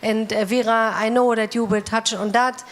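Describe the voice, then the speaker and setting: A woman's voice: on the high side, fairly even intonation, moderate pace. A woman moderating a panel discussion, speaking in an earnest, emphatic way.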